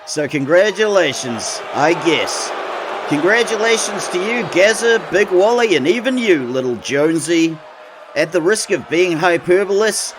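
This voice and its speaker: A man's voice: high-pitched, noisy background. A man calling wrestling play-by-play as the show's commentator and host, sardonic and opinionated, with mock-grumpy asides. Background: music.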